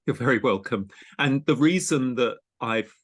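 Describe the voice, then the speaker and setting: A man's voice: mid-range voice, animated, measured pace, slightly rough. A man hosting an interview podcast, speaking in a hesitant, conversational way with frequent ums and restarts. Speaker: podcast host and programme director.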